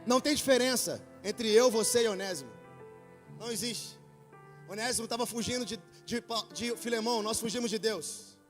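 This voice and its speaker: A Brazilian man preaches a sermon with a high, ringing voice. He tells a story in a low, hushed way and then builds to loud shouted preaching. The sound carries a long hall reverb with faint music underneath. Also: normal speed. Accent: Brazilian Portuguese. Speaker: pastor. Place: church hall with worship band.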